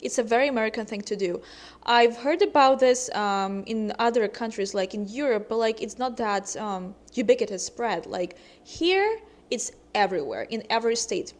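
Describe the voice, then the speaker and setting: A woman's voice: on the high side, lively intonation, moderate pace. A young woman from Russia, a vlogger chatting casually to camera, hesitant and full of ums.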